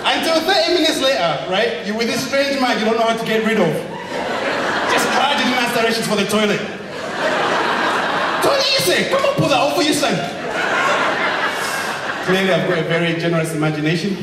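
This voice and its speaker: A young man from Zambia, doing an energetic, rabble-rousing stand-up comedy set and shouting his punchlines. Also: extremely high pitch, brisk, pauses often, heavy reverb, long reverb tail, far from the mic, a loud crowd, heavy background noise. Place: comedy club stage. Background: audience laughter.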